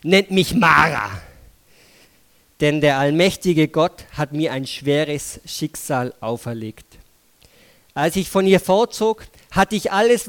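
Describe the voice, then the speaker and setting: A man voicing a grieving, bitter old widow who laments her fate in a slow, heavy way. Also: high voice.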